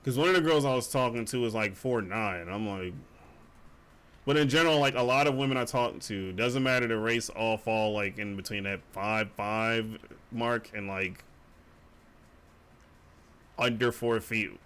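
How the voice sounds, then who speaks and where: A man's voice: fairly low pitch, a little slow, pauses often, fairly bright tone, smooth. A young man streaming live, telling loose, profane stories between laughs. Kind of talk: casual livestream chat.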